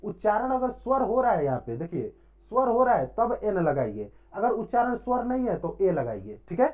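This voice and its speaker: Teaching English grammar in classroom style, a man poses questions, answers them himself, and adds frequent short check-ins. His high, sing-song voice moves at a moderate pace over a dull, lo-fi recording.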